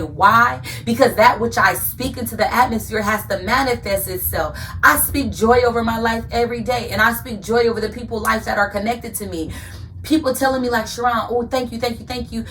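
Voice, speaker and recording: A woman's voice: fairly high pitch, a little fast, fairly bright tone, distant mic, slight background noise. A woman hosting a podcast, giving an earnest faith-based motivational talk and repeating phrases for emphasis like a preacher. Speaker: podcast host.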